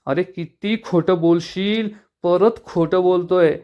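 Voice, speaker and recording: A man's voice: high voice, takes it slowly, muffled recording. A man reading an angry betrayed young wife. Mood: scolding. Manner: scolding, accusing.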